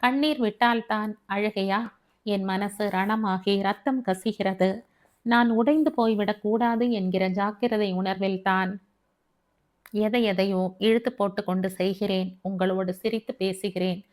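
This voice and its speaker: A composed, frank woman who questions things openly and stays self-possessed, as a woman reads her in an audiobook. Her voice is medium in pitch. She speaks candidly and steadily. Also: fairly even intonation, unhurried, natural voice. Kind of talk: audiobook dialogue reading.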